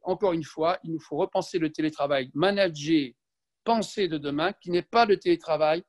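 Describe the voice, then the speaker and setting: A man speaking on a panel discussion in a formal, deliberate tone. His voice sits high for a man.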